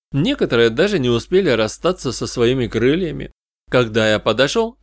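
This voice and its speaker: A man narrating a first-person hardboiled audiobook in a measured, wry manner. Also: mid-range voice, no echo, studio quality.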